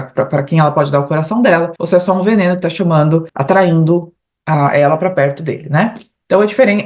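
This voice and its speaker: Teaching English online, a Brazilian woman with a Brazilian Portuguese accent explains patiently and repeats English phrases slowly. She often ends phrases with "né?" and "tá?", in a lowish, darkish voice.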